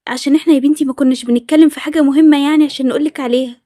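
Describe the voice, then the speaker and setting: A woman with an Egyptian accent voicing a patient parent who calmly soothes a suspicious daughter. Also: high voice, rapid-fire, no echo, clean studio sound, natural voice. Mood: soothing. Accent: Egyptian Arabic. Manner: soothing, placating.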